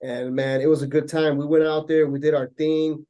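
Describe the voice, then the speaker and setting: A man's voice: on the high side, level tone, moderate pace, dark tone. A laid-back man from Chicago, a guest in a casual interview, who keeps dropping "man" and "bro".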